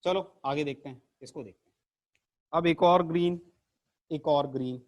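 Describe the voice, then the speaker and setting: A man's voice: fairly high pitch, moderate pace, dull audio. A man teaching an online chemistry lesson to camera in a playful, theatrical way, teasing his class. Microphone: camera mic.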